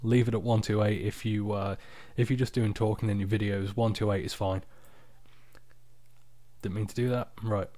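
A tired man giving a casual, unscripted screen-recording tutorial, explaining software steps in an informal, off-the-cuff way. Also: fairly low pitch, fairly even intonation, normal speed, no room sound. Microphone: external microphone, close and dry.

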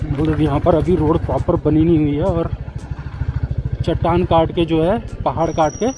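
Male motovlogger, slightly high voice, chatty, engine and wind noise behind. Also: moderate pace. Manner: excited, chatty, talking to viewers. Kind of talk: casual narration while riding. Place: outdoors on a motorcycle on a mountain road. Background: motorcycle engine and traffic.

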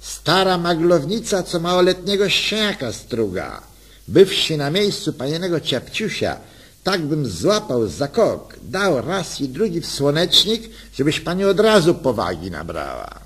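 A man's voice: a little high, wildly swooping pitch, a little slow, a bit bright, husky, pitched above the performer's own voice, exaggerated voice. A man doing a sour grumbler. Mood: grumpy. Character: sweaty, irritable heavyset male passenger.

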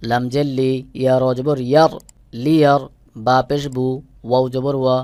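A man's voice: medium pitch, little pitch movement, moderate pace, mellow, clean tone, no echo. A man teaching Quran reading, spelling out each letter and its vowel and then blending them into the word. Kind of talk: slow syllable-by-syllable recitation lesson.

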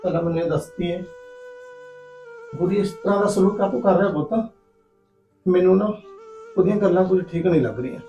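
A worried old village father with a fairly high, gentle voice, pleading and fatherly with a Punjabi accent. His voice sounds roomy in a reverberant space, with soft music underneath, as in a short film drama. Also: fast, pauses often. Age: older. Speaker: father-in-law, father of the bride.

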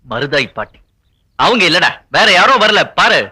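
An actor playing a forest officer in a 1980s film, talking in teasing, playful banter. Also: male voice, high-pitched, sing-song, measured pace, pushed and bright, slightly rough, exaggerated voice.

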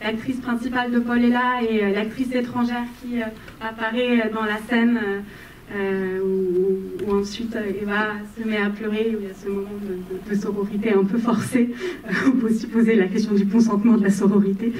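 A woman's voice: medium pitch, little pitch movement, brisk, darkish tone, distant mic. A young woman moderating a film Q&A, asking long, winding questions with many fillers, on a handheld mic in a cinema. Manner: winding, articulate, with frequent fillers. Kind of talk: long prepared questions to a guest. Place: cinema auditorium in front of the screen. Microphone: handheld mic, filmed from far away. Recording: echoey hall taken from afar, faint noise.

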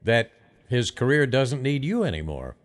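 A man hosting a radio phone-in, talking in a halting, reflective and sympathetic way. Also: mid-range voice, very animated. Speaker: radio talk show host. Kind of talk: live phone-in conversation.

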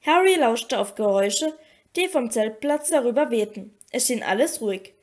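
A woman reading a fantasy novel aloud as an audiobook, with steady, expressive storytelling. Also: on the high side, normal speed. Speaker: audiobook reader. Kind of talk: audiobook narration.

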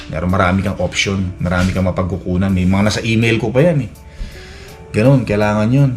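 Isang lalaking vlogger na nakatira sa Canada at kaswal na nagkukuwento ng sariling karanasan, paulit-ulit na nauutal at maraming "ano". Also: male voice, deep voice, flat delivery, brisk, darkish tone. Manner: rambling, many restarts and fillers, acts out quoted dialogue. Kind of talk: casual storytelling vlog. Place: Edmonton, Canada. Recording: faint music behind.

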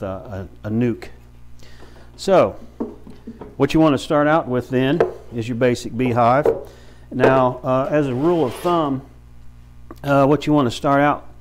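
This fifties-aged beekeeper and bee farm shop owner instructs indoors, in a small brick room lined with windows. Medium in pitch with a darkish tone, he explains the basics one step at a time, folksy and informal, his phrases coming out haltingly like a hands-on teacher with newcomers.

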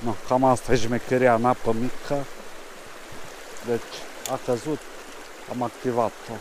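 A man's voice: mid-range voice, flat delivery. A man, fishing on a mountain stream and giving casual commentary. He mostly mutters to himself, then speaks up to the camera. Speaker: fishing vlogger. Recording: rushing stream noise behind.

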